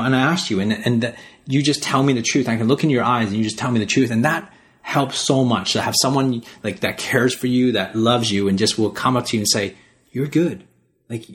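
A man co-hosting a podcast, talking in an earnest, emphatic, repetitive motivational way. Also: mid-range voice. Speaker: podcast co-host.

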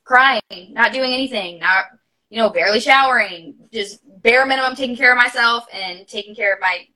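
A woman's voice: fairly high pitch, bright, forceful tone, low-quality recording. A young mother talking openly and casually as a podcast guest, with many fillers and laughter in her talk. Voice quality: chatty, many fillers and asides. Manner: open and heartfelt, laughs while talking. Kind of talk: casual interview storytelling.

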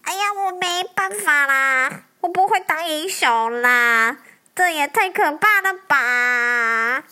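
A woman's voice: sits high, lively intonation, normal speed, pushed and bright. A woman voicing an eager but timid young male dragon who begs politely to be a hero in a storybook reading. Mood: frightened. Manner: pleading, polite, whiny when scared.

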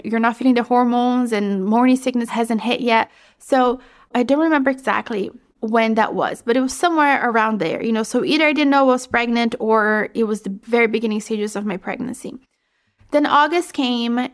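A young woman hosting her own podcast, talking casually and a little out of breath, with lots of "you know" fillers. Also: a little high. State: slightly out of breath. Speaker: podcast host. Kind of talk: casual solo podcast monologue.

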